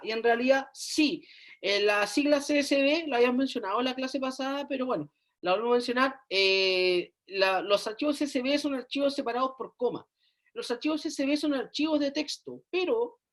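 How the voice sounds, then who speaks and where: A woman teaches a university class online, going through quiz answers one by one. Her delivery is unhurried and explanatory. She keeps checking in with short tag questions and hums while she reads through replies. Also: fairly high pitch. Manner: checks in often with "¿ya?" and thinks aloud with hums. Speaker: university lecturer.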